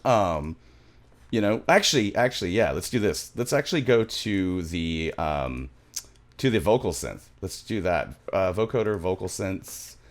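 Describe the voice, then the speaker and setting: Recorded up close in a small home studio, a middle-aged man talks through a casual music production tutorial. His low-pitched voice is animated yet unhurried, and he rambles, thinking aloud while he works.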